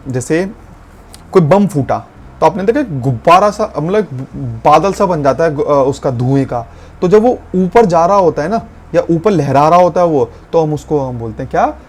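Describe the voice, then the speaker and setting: A man explaining English vocabulary in a lesson, slowing down to spell out and stress key words. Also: a little high, lively intonation, darkish tone.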